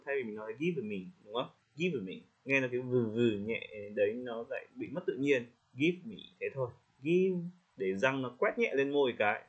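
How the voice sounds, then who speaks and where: A man coaching English pronunciation in casual spoken feedback, friendly, slowing down to demonstrate words and laughing lightly. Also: mid-range voice, breathy edge. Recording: slightly dull lo-fi audio.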